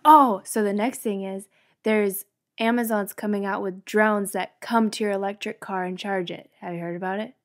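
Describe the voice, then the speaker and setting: A woman's voice: mid-range voice, fairly even intonation, moderate pace. A woman co-hosting a podcast, chatty and eager, bringing up news in casual conversation. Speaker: podcast co-host. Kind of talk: casual chat.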